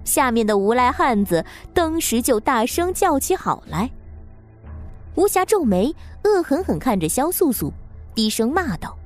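A woman narrating a story in an expressive, dramatic way. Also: high voice, measured pace. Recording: faint background music.

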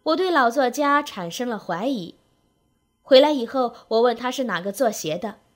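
A woman with a fairly high voice performs a comic story aloud. Her narration is wry and lively, and she leans into rhythmic, patterned phrases. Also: normal speed, faint music behind.

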